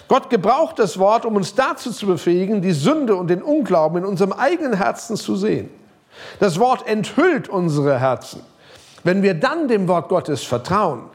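Preaching a sermon, a middle-aged pastor speaks to his congregation in a casual, direct way, sprinkling in English loanwords. His delivery is lively, with pitch rising and falling and a few hushed stretches.

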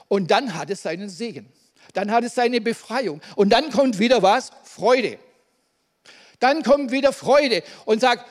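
Male preacher, high voice, fervent sermon delivery with Amens, big reverberant church hall. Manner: emphatic preaching with Amens and questions to the congregation.

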